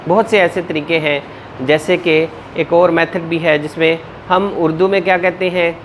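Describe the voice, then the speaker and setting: A man gives a spoken English lesson in a fairly high voice. He moves very slowly, modeling each word with care. A faint hum sits under his voice. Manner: slow, deliberate modeling of English words; mixes Urdu-Hindi with English. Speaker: English teacher.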